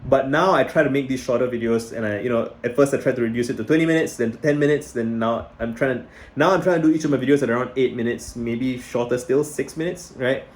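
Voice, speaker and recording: Talking at a quick pace in a mid-range voice, a video blogger in his thirties with a Singaporean accent rambles casually in a talking-head vlog. He keeps correcting himself and restarting what he says.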